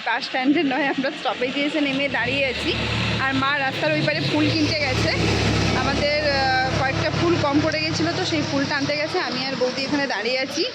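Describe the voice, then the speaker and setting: A woman's voice: high-pitched, steady tone, fast. A woman vlogging casually and talking straight to her viewers, filming on a handheld camera at home and outdoors at a temple. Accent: Bengali. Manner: chatty, talks straight to viewers. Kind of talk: casual vlog narration. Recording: noisy outdoor sound, rain and traffic.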